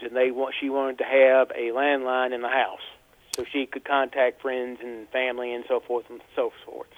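A man phones in to a talk show over a landline, and his voice comes through tinny and narrow like a phone line. He talks in a rambling, halting way, stopping on fillers as he goes. His voice is mid-pitched and dry, with no room around it. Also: no echo. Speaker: caller.

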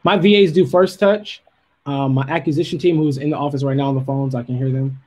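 A man's voice: mid-range voice, fairly even intonation, brisk, a crowd in the background. A man hosting a livestream in a casual, slangy, laid-back way, reading out viewer questions from his office. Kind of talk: casual chat.

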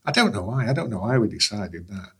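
A man, speaking in a measured way with restarts in an interview. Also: lowish voice, animated, fairly bright tone, slightly rough. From England. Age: 60s. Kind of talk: conversational interview.

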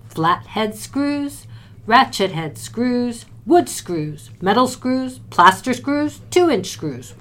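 A woman reading a story aloud with wry, playful timing. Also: medium pitch. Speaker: story narrator. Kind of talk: scripted narration.

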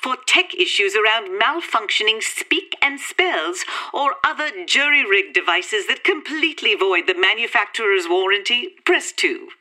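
A woman voicing an automated phone-menu announcer in smooth, scripted recorded-message delivery. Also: medium pitch, expressive, moderate pace, few pauses, sharp tone. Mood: cheery.

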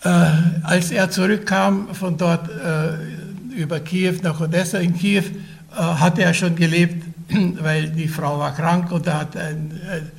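Speaking in a high voice with fairly even intonation, a Vienna-raised man in his nineties, Russian-speaking since childhood, recalls his life as an oral history interviewee. His telling is halting, with many pauses, fillers, restarts and throat clearing.

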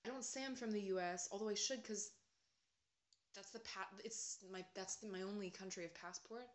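A woman's voice: medium pitch, moderate pace. Young woman, American accent, casual chat, rambling, laughs a lot. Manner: rambling, self-deprecating, laughs often.

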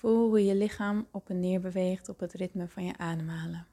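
A woman guiding a meditation slowly in a soft, hushed, breathy voice that nears a whisper. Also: fairly low pitch, fairly even intonation. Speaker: podcast host guiding a meditation. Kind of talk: guided meditation.

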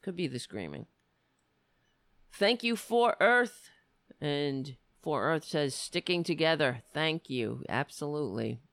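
Female livestream host, American, raspy voice, blunt and emphatic, wide-swinging pitch, dry close sound. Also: very animated, takes it slowly, a bit bright, no room sound. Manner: blunt, emphatic, repeats phrases. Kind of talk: casual livestream monologue with political commentary.

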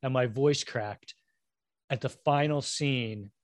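A man's voice: medium pitch, slow, dry recording, studio quality. A man rambling in casual movie chat, full of fillers and self-deprecating asides.

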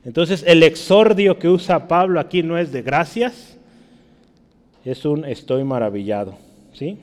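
A man teaching a Bible class in Spanish, checking in with his listeners and spelling out Greek words slowly. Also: fairly high pitch, big-room sound. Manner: checks in with listeners, asking "¿verdad?" and "¿sí?".

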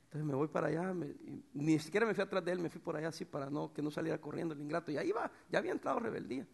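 A middle-aged man preaching a sermon as pastor, swinging between loud bursts and soft, tender passages. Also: fairly high pitch, very fast, creaky, breathy edge. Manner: animated preacher, swings from shouts to soft tones.

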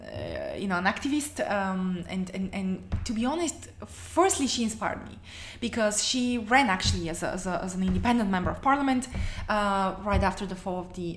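Passionate woman in an echoey room. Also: mid-range voice. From Bulgaria. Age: 30s. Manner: passionate, many restarts and "you know". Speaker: interview guest, activist. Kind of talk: earnest interview answers. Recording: echoey room, faint noise.

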